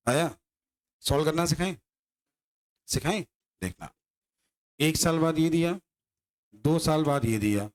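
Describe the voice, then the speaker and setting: A male maths teacher lecturing a class, teasing his students and firing rhetorical questions at them. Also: a little high.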